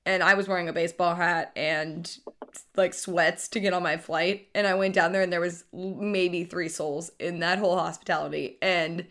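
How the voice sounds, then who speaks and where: A woman's voice: lowish voice, fairly even intonation, moderate pace, fairly bright tone. Woman co-host, casual, filler-heavy chat, easygoing delivery. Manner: chatty, laid-back storytelling with many fillers. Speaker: sports podcast co-host.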